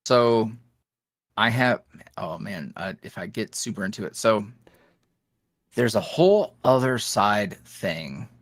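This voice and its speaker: A young ASMR roleplay creator rambles as a podcast guest in a casual interview, restarting his sentences again and again over a headset. He speaks slowly and animatedly in a lowish voice with long pauses, in clean studio sound with no room noise.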